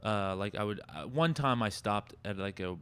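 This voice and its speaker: A man's voice: fairly low pitch, normal speed, a bit bright, smooth. A man, a stand-up comedian guest, telling rambling stories in casual chat. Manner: rambling, laughing storyteller.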